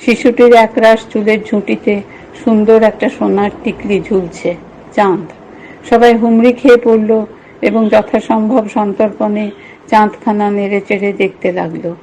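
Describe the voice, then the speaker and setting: A woman reading a novel aloud in a steady, measured storytelling voice. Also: mid-range voice, a little hiss or hum, rough recording. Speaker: reader.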